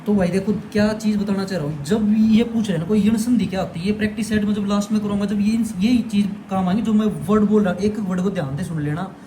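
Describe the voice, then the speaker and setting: A man's voice: sits high, fast, hardly any pauses, dark tone, a little hiss or hum. A young man teaching an exam-prep lesson in a chatty way, often calling the viewer "brother". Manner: chatty, repeats "bhai" to the viewer. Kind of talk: casual explainer lesson.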